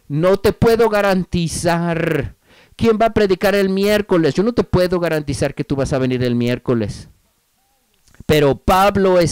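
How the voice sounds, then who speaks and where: A man with a Mexican Spanish accent, preaching a sermon as pastor, with dramatic pauses and urgent appeals. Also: sits high, darkish tone, smooth, no room sound.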